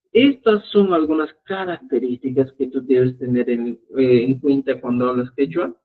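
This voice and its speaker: A man teaching a live online language lesson, speaking to his students and often stopping to check that they follow. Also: fairly high pitch. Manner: animated, repeats checks like "¿ya?" to students. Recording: narrow phone-like audio.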